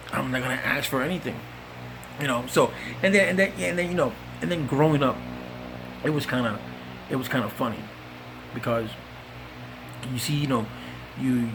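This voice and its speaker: This stand-up comedian from the Bronx speaks at a medium pitch with a New York accent, spinning stories in loose, profane street talk and acting out the people he quotes. There's noise in the background.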